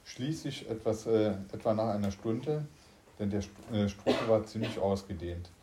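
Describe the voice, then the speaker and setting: A man's voice: on the low side, normal speed, mellow, reverberant, a little hiss or hum. A man reading a science fiction story aloud in German, unpolished, with slips and restarts. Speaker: story reader.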